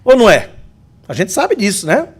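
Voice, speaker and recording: A man giving a spiritist lecture, telling lively stories with jokes and speaking directly to the audience. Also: high-pitched, normal speed, husky. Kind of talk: humorous lecture anecdote.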